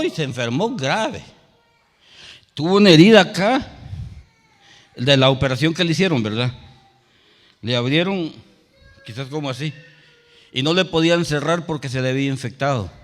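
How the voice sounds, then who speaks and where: A male pastor preaching a sermon. He tells a personal story and rises to loud, emphatic calls. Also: a little high, big-room sound. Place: church sanctuary.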